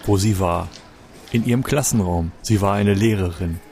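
A man's voice: low-pitched, normal speed, creaky, a little mellow. A man narrating a fantasy adventure story in the first person, earnest and tense.

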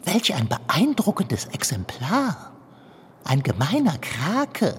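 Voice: medium pitch, big pitch swings, measured pace. Ein hochtrabender, herrischer Kater, gesprochen in einem Hörspiel, der gemächlich und schwungvoll doziert, aufgenommen mit langem Nachhall und hörbarem Rauschen. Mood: lecturing. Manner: lofty, old-fashioned wording; bossy, lecturing. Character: pompous know-it-all tomcat sailor, male. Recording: long reverb with clear noise.

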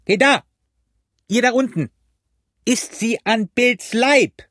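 A man's voice: very high-pitched, expressive, slow, fairly bright tone, dry recording, clean studio sound, voice pushed up, full character voice. A man voicing a furious blind old pirate beggar who shrieks curses and barks orders at his gang. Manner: shrieking, cursing, barking orders. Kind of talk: audiobook character voice.

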